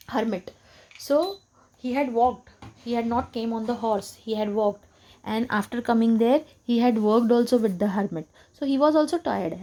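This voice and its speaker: Teacher explaining a story. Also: female voice, a little high, warm tone, rough recording. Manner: rereads lines, then paraphrases with rhetorical questions. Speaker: school English teacher. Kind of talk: explaining a textbook story line by line.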